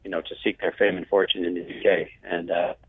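A man's voice: deep voice, fast talker, slightly rough, dry recording. Man on a crackly, breaking-up phone line. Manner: relaxed and hesitant, with many fillers. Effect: bad phone connection, breaking up. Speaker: musician guest on the phone. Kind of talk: casual interview chat.

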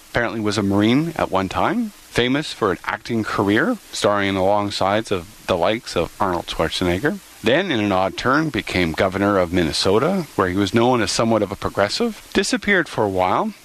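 Lively-pitched male radio segment reporter. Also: a little hiss or hum, poor audio. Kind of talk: scripted radio segment narration.

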